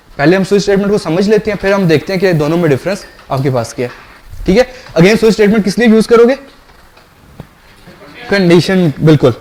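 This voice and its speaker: Teaching a programming class, this man speaks in a high-pitched, somewhat mellow voice. He breaks things down step by step, frequently pausing to quiz students on whether they're keeping up.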